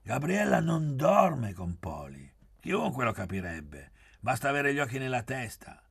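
A man's voice: mid-range voice, very animated, unhurried, gravelly, husky, no echo, voice pushed up, exaggerated voice. A man voicing a wry, sardonic young man who lectures his friends.

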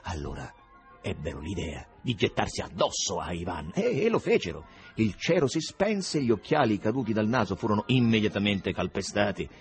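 A man reading a novel aloud as an audiobook, with a husky voice and expressive delivery. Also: on the low side, fairly quick, soft background music. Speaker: reader. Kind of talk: audiobook narration.

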